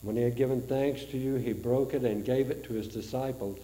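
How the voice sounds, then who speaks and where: A man as priest, reciting the Eucharistic prayer in a slow, measured way, his voice carrying a cathedral echo in a large church. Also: medium pitch, dark tone. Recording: long reverb from a large church.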